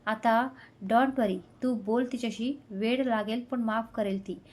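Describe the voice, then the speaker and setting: A woman reading the part of an easygoing young man, a loyal best friend, speaking in a calm, reassuring way. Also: fairly high pitch, moderate pace, natural voice.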